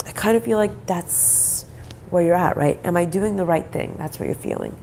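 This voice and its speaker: Groggy, creaky-voiced woman reading cards. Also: lowish voice, background noise. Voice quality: groggy, croaky voice. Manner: halting, repeats phrases, asks rhetorical questions. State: throat trouble, voice off. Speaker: spiritual card reader, host. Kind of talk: conversational intuitive card reading to viewers.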